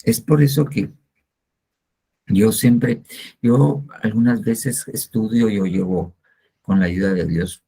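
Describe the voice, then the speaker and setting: Slow gravelly older preacher. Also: male voice, on the low side, mellow. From Guatemala. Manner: rambling and repetitive, with many hesitant "eh" fillers. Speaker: church discipleship teacher. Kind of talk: informal sermon teaching. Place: church class, not seen.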